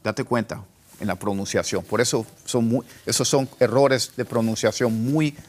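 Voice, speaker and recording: A man whose first language is Spanish, teaching English pronunciation and repeating word pairs slowly to contrast them, with faint music underneath. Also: mid-range voice, steady tone. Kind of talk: casual pronunciation lesson.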